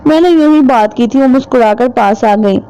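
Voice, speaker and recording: A woman narrating a horror novel as an audiobook, in steady, measured storytelling. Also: sits high, smooth, lo-fi sound. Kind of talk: dramatic novel reading.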